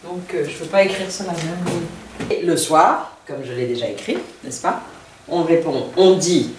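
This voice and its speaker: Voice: medium pitch, normal speed, roomy sound, recorded from a distance, noisy background. A language teacher giving a video lesson, speaking carefully and repeating each word several times while writing on a board. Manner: writes on a board while explaining.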